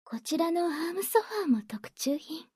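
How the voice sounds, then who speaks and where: A woman playing a gentle, devoted maid who soothes her master with formal politeness in a soft, breathy ASMR role-play. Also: extremely high pitch, lively intonation, moderate pace, dry recording. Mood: calm, courteous.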